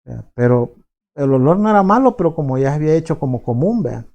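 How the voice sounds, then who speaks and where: A man with a Salvadoran accent preaching a sermon as pastor, conversational and halting, often repeating words and adding tag questions. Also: on the high side, expressive, creaky, dull audio. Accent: Salvadoran Spanish. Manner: halting, repeats words while searching for them.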